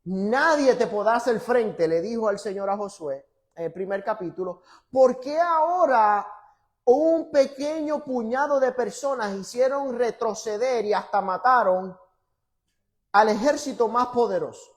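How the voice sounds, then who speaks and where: Fervent preacher. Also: male voice, extremely high pitch, animated, a little slow. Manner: fervent preaching, swinging from loud emphatic scripture reading to quiet teasing asides. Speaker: pastor. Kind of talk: sermon. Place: church before a congregation.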